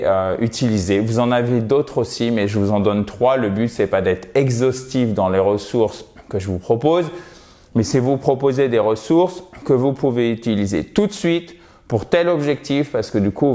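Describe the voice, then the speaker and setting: A man's voice: mid-range voice, lively intonation, moderate pace, warm tone. A man teaching an online lesson about English pronunciation in a chatty, encouraging way, often checking in with the viewer.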